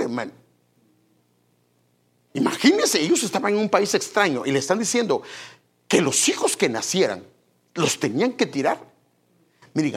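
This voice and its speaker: A man's voice: mid-range voice, slightly rough. A man preaching a sermon, emphatic, often addressing his listeners as brother.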